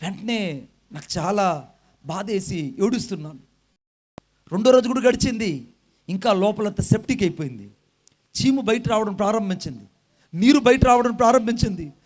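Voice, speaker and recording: A man preaching a sermon. He tells an illustration story, switches into halting English phrases and builds to loud exhortation. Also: sits high, expressive. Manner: tells a story with acted dialogue, then rises to loud exhortation.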